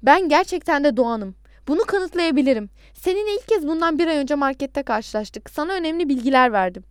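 A woman's voice: high voice, animated, quick pace, no echo, voice pushed up. A woman reading the part of an adult man who pleads and insists on the phone, in an audiobook. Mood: pleading.

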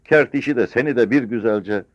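A man's voice: medium pitch, fairly quick, no echo, lo-fi sound, pitched above the performer's own voice, natural voice. A man playing a defiant old war veteran. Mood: scolding. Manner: scolding, boastful, loud.

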